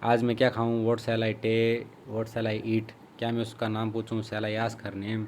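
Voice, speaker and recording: A man with an Indian accent teaching spoken English. He reads a Hindi sentence quickly, then gives the English translation slowly and deliberately. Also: lowish voice, completely flat delivery, darkish tone, slight background noise.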